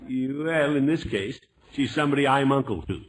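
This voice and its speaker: A man's voice: mid-range voice, moderate pace, lightly acted, poor audio. A man playing a genial, blustery middle-aged uncle in 1950s radio comedy, with a hesitant, theatrical way of talking. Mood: genial, bustling.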